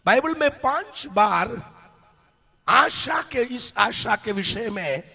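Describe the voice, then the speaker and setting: A man preaching a sermon to a congregation, telling anecdotes and building to impassioned, shouted climaxes, recorded in a large hall. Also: extremely high pitch, expressive, slow pace, vocal fry, slightly rough. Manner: storytelling with anecdotes. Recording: long reverb of a big hall.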